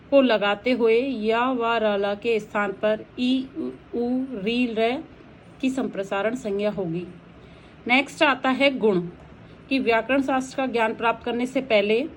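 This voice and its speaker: A woman teacher giving a recorded lecture on Sanskrit grammar, explaining each rule slowly with examples. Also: on the high side, a little hiss or hum, rough recording. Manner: slow, methodical explanation of rules with examples.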